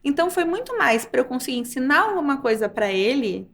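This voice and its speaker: A woman's voice: sits high, big pitch swings, brisk. A woman with a Brazilian accent, a guest doctor and mother, speaking in a thoughtful, reflective way in a casual podcast chat. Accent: Brazilian Portuguese.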